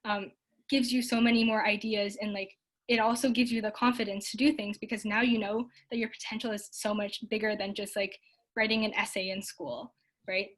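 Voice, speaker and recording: A woman's voice: fairly high pitch, fairly bright tone. A young woman from Canada giving a casual online talk and answering audience questions, her speech full of likes and ums. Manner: frequent likes and ums, upbeat and earnest.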